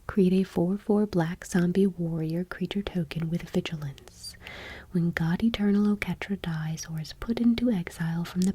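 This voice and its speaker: A woman host reads text aloud in ASMR style, using a soft, breathy whisper in a lowish voice. She speaks gently and without hurry.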